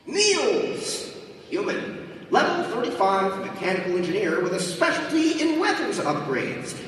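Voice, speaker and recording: A man voicing a high-pitched, officious and mocking game system announcer, recorded from far off in an echoey hall. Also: very animated, a little slow, a bit bright, slight background noise, full character voice. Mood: snide. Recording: roomy hall, distant mic.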